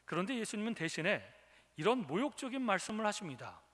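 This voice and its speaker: A man's voice: high voice, big pitch swings, fast, fairly bright tone. A male pastor preaching a sermon, retelling scripture and acting out the quoted speakers. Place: church sanctuary. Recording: reverberant church hall.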